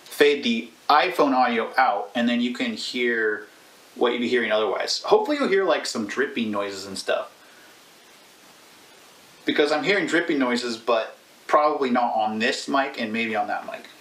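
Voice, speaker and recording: In a rough recording from a clip-on lavalier or camera mic, a man in his thirties gives a casual how-to explanation for YouTube, informally starting and stopping as he demonstrates. His mid-range voice has a fairly bright tone and moves at normal speed.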